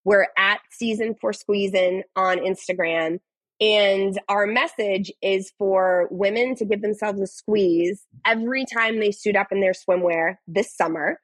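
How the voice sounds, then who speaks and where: Woman, young adult, podcast guest, earnest, animated, restarts, dry recording. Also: medium pitch, a little slow, no echo, poor audio. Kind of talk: casual interview conversation.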